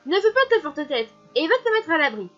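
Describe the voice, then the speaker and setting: A woman's voice: sits high, very animated, fairly quick, fairly bright tone. A woman voicing a stern female guard leader who gives curt orders. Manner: curt, commanding. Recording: slightly muffled, faint music behind.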